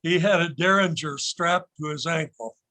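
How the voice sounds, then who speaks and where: An older man telling an anecdote to a luncheon group in an unhurried, measured way with pauses. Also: on the high side, bright, forceful tone, poor audio. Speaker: audience member telling a story. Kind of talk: anecdotal storytelling.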